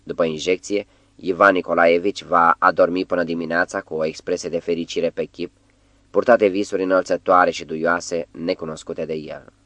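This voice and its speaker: Deep-voiced male audiobook narrator. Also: little pitch movement, a bit bright, dry recording. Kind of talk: scripted literary narration.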